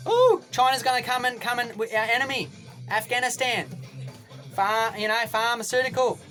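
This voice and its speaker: A man's voice: sits high, fairly bright tone. A young Australian man ranting to camera from a boat, rambling and repetitive, with a combative edge. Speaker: vlogger. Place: on a boat outdoors.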